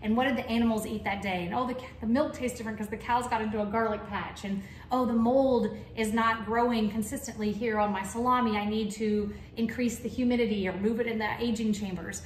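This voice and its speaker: A cheese shop founder with a Texas accent and a higher voice teaches a casual tasting class, chatty, enthusiastic, and full of folksy asides. She talks a little fast with fairly even intonation. The room is echoey with faint background noise.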